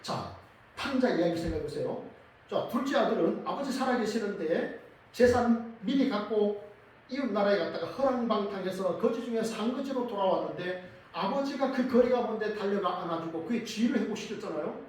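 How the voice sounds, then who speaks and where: A man's voice: high-pitched, animated, fairly quick, a little mellow, slight background noise. A male pastor preaching a sermon, earnest and speaking straight to his congregation in a church. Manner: earnest, addresses the congregation directly. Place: church sanctuary. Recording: echoey church from far off.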